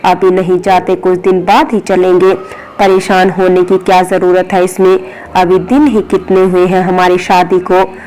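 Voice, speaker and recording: A woman's voice: fairly low pitch, flat delivery, moderate pace, a little mellow, lightly acted, poor audio. A woman voicing a meek, dutiful young bride in a spoken story, speaking timidly. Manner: timid, hesitant.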